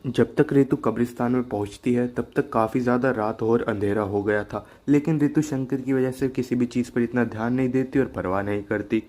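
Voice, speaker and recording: A man's voice: mid-range voice, fairly even intonation, a little fast, few pauses, a little mellow. A man narrating a cartoon ghost story in a plain, conversational way, linking lines with filler words.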